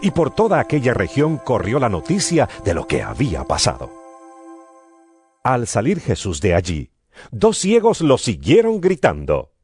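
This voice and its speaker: A man narrating a Bible reading in an expressive storytelling manner. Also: medium pitch, measured pace, slightly rough. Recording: music bed behind voice. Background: guitar music.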